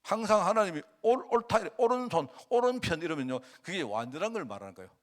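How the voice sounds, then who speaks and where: Lively, animated male pastor preaching. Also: sits high, quick pace. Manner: conversational preaching, rhetorical questions, acts out quotes. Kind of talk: sermon.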